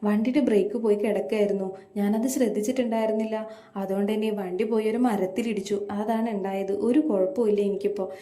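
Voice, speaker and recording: A woman voicing an injured young man who calmly reassures his family. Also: medium pitch, fast, reverberant, lightly acted. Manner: calm reassuring explanation.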